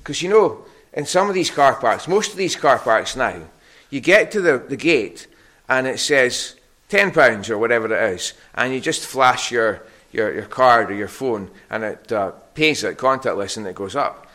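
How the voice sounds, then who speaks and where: A middle-aged man with a Scottish Hebridean accent, giving a conversational children's sermon as an animated story with questions to his listeners. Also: mid-range voice, moderate pace, hardly any pauses. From Harris, Scotland. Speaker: preacher giving a children's talk.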